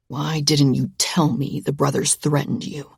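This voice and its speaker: Casting: woman doing a brooding young man, low threatening rasp, breathy, deeper than her own voice, whispered audiobook reading. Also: flat delivery, a little slow, darkish tone, no room sound, clean studio sound, exaggerated voice. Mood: menacing. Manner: speaks through gritted teeth, sneering.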